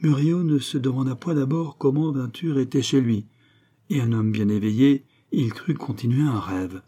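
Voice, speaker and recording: A man narrating a classic novel in a measured, dramatic reading. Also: medium pitch, mellow, breathy edge. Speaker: audiobook narrator.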